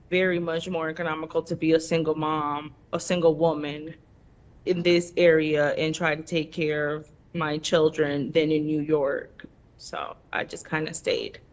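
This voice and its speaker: A woman in her thirties from the Dominican Republic, a native Spanish speaker, speaking unhurriedly in a lower voice. She talks as a relaxed interview guest, with frequent pauses. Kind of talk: casual interview talk.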